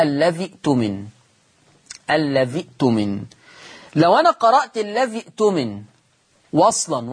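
A man with an Egyptian accent teaching Quran recitation on a televised lesson, explaining patiently, drawing out example words slowly and asking his listeners questions. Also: fairly high pitch, husky.

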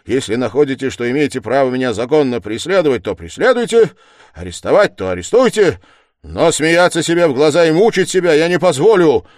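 A man voicing a furious, shaken young student in an audiobook, shouting and clipped. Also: fairly high pitch, animated, brisk, dry recording, clean studio sound, voice pushed up, lightly acted. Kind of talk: audiobook character reading.

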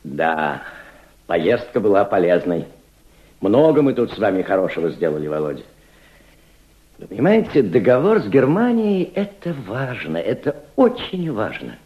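This actor plays a gentle, resolute middle-aged Soviet diplomat, fatherly and thoughtful, in a radio drama, addressing his companion softly with measured theatricality. His fairly low voice swoops wildly in pitch and sounds earnest and pleased, heard through a muffled archival recording with background music.

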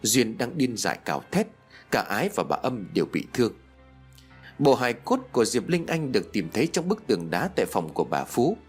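Husky male narrator, lively dramatic storytelling, faint music beneath. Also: medium pitch, fairly quick. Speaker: audiobook narrator. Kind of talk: scripted narration.

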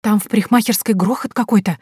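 A woman's voice: medium pitch, fairly even intonation, fast talker, warm tone, husky, no echo, clean studio sound, voice pushed up. A woman voicing a frightened young maid who whispers anxiously.

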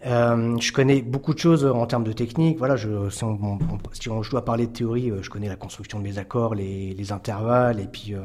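A young man speaks as a guest in a casual interview. He hesitates often, restarting phrases and filling gaps with "euh", in a middle-pitched voice. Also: fairly even intonation, fairly quick, few pauses, darkish tone. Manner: hesitant, many fillers and restarts. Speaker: guest musician. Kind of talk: interview conversation.

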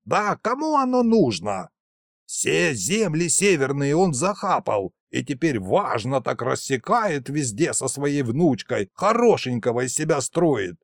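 A sly, fat old trickster spirit who wheedles and whines about his hard lot in folksy speech, as a man puts him on. His pitch leaps up and down, and the audiobook recording is dry and close. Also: sing-song, a little slow, creaky, dry recording, full character voice. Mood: whining. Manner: self-pitying, wheedling, folksy.

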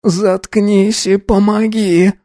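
A man's voice: sits high, level tone, slow pace, dark tone, no echo, clean studio sound, voice pushed up. A man voicing a stubborn young woman painter who snaps and growls orders. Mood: fierce. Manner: snapping, growling commands.

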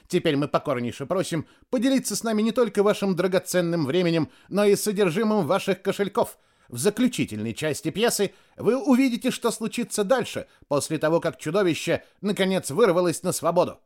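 A man's voice: high voice, animated, brisk, a little mellow, voice pushed up. A man voicing a flamboyant showman doctor who addresses a theatre crowd in a flowery, ingratiating barker's manner. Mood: grandiose.

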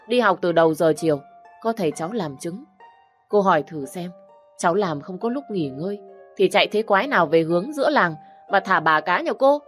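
A woman's voice: on the low side, lightly acted. A woman voicing a hardworking poor village girl who protests her innocence. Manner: pleading and protesting.

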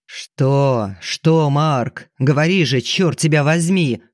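A man's voice: on the high side, takes it slowly, no room sound, clean studio sound. A man voicing an arrogant older banker with a curt, commanding, haughty manner in an audiobook. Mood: furious. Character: arrogant older male banker, domineering and explosive.

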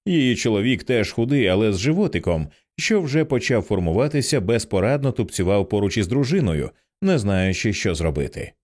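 A man narrating an audiobook with an expressive, dramatic reading. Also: on the low side, fairly quick, few pauses.

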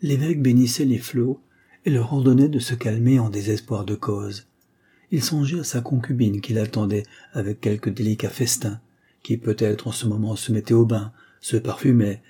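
A man narrates classic fiction as an audiobook, with measured, dramatic pacing. His voice is dark and mellow. It carries a husky edge. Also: on the low side, fairly even intonation.

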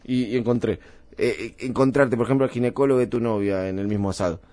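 An Argentine comedian guest banters in a radio interview, rambling, self-deprecating, and laughing at his own jokes, with some comic bits. His Argentine Spanish accent comes through a radio studio mic in a mid-range, slightly mellow voice that's fast with fairly even intonation.

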